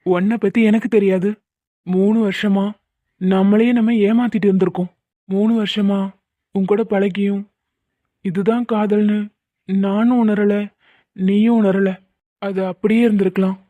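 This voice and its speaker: A woman's voice: medium pitch, fairly even intonation, a little slow, pauses often, no room sound, close to an everyday voice. A woman voicing a heartbroken young man in a cartoon drama, talking in a pleading, emotional way. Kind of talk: cartoon voice acting. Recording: dry, phone-like lo-fi.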